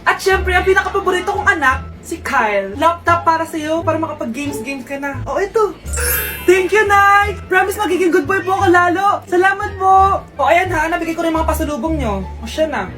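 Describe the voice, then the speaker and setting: Lady doing all the parts in funny skits, high voice, yells then goes soft, music under it. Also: animated, fast talker, few pauses. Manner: switches between shouted scolding and soft childish voices. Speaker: comedy sketch creator. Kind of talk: comedic skits voicing every character.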